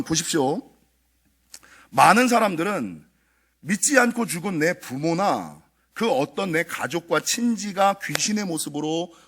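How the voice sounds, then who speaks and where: A middle-aged male pastor preaching at a dawn prayer meeting, telling a story with animated delivery and acting out the dialogue. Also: sits high. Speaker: senior pastor.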